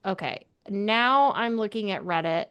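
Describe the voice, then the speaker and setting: On a relaxed book discussion episode, this podcast co-host speaks informally and gives her views without holding back. Her voice is medium in pitch, clear and resonant, a bit bright, with lively intonation and an unhurried pace.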